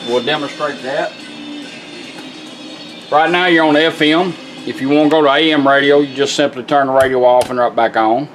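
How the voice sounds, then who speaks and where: This folksy, plainspoken product demonstration comes from a middle-aged man with a Southern American accent who restores radios. He speaks at a moderate pace in a medium-pitched voice with fairly even intonation, while music plays.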